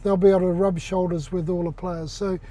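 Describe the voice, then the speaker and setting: A fairly high, mellow voice with a New Zealand accent belongs to a man sitting in as a relaxed guest in a casual interview. He talks with the easy, halting rhythm of an older executive, stopping to restart and using plenty of fillers.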